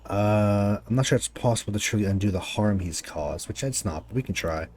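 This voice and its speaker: Low-voiced man reading game text aloud. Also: animated, brisk, a little mellow, slight background noise. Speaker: video game player narrating a playthrough.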